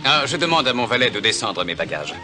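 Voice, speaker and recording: A man's voice: medium pitch, big pitch swings, quick pace, over music, natural voice. An actor playing a polite, bookish young nobleman with a refined, courteous manner, in a dubbed TV adventure. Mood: composed. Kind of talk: French-dubbed television adventure acting.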